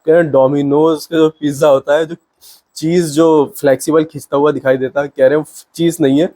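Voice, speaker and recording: A man's voice: fairly high pitch, flat delivery, moderate pace, mellow. A young man giving comic reaction commentary in a casual, amused, disbelieving way, often laughing. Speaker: reaction video host.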